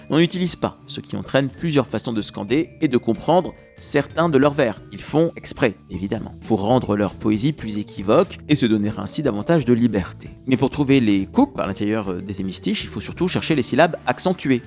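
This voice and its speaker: A man giving an exam-prep lesson on verse rhythm, lively and scanning lines aloud while counting the beats. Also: mid-range voice. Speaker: French literature teacher.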